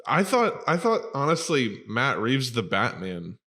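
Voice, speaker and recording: A man's voice: medium pitch, unhurried. A man around thirty chatting casually on a podcast, swearing freely and acting out movie characters. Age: 30s. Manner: profane, animated, acts out movie characters. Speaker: podcast host. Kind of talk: casual chat.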